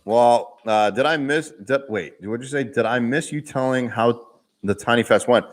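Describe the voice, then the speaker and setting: A young vlogger with a Boston accent speaks in a mid-range voice at normal speed while hosting a live Q&A. Casual throughout, he reads comments aloud, laughs frequently, and often begins his sentences again.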